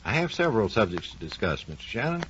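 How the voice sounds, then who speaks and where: An American man plays a research engineer presenting a science program, giving a scripted 1940s educational radio talk in a formal, explanatory manner. His lowish voice is sing-song, quick and fairly bright, with a little hiss or hum on the muffled, lo-fi 1940s recording.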